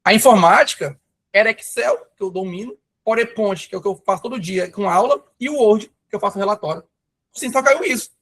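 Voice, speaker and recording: High-voiced, chatty teacher. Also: male voice, a little fast, fairly bright tone. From Pará, Brazil. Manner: chatty, enthusiastic, storytelling asides. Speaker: math teacher for civil service exams. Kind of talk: live online class.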